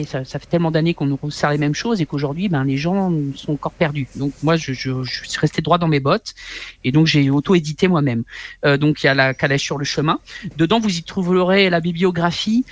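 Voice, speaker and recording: A man in his forties, here as a guest author, narrates a personal episode in an interview with a voice on the high side. He speaks animatedly but in fits and starts, often saying words twice.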